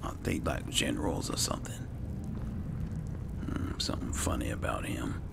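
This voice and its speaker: Speaking in a bass voice at a moderate pace, this gaming video host sounds animated as he gives casual roleplay commentary, musing to himself in a laid-back way. Video game ambience is clearly audible behind his voice.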